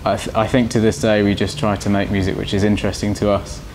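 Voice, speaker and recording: A young man, a band guitarist, giving halting interview answers with many restarts. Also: on the low side, little pitch movement, darkish tone. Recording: faint background noise.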